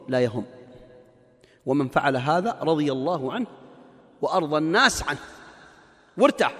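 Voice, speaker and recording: High-voiced preacher in reverb. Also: male voice, fairly bright tone. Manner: rhetorical questions, emphatic, colloquial asides. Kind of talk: conversational religious sermon.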